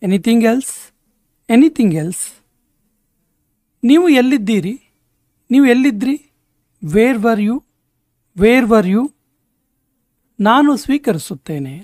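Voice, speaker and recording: A woman teaching English. She reads each sentence twice, slowly and deliberately. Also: fairly high pitch, expressive, a little mellow, no echo, studio quality. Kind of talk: language lesson, reading sentences aloud.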